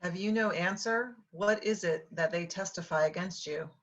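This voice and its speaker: Lowish woman reading scripture, dull audio. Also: normal speed. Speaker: lay reader of the high priest's part. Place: home room, indoors. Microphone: video call, computer microphone. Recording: dull video-call audio.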